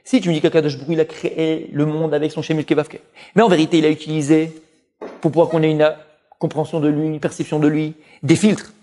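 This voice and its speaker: A man, a rabbi, giving an animated Torah lesson, speaking straight to his listeners. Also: on the high side, fast talker. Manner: animated, addresses listeners directly, full of Hebrew terms.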